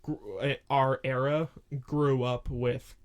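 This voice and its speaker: A man's voice: mid-range voice, little pitch movement, takes it slowly, clean tone. A man in his twenties co-hosting a podcast from his room, talking casually into a studio mic in a rambling, profane way full of "like.". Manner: rambling and profane, lots of filler "like". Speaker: podcast co-host. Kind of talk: casual chat. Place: home room. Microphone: studio mic with pop filter.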